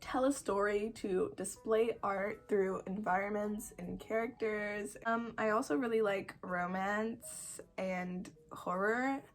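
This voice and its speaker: A 21-year-old woman with a croaky voice, chatting casually to camera in a rambling, self-deprecating way with dramatic emphasis. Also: medium pitch, fairly even intonation, takes it slowly, few pauses, faint music behind. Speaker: video creator answering follower questions.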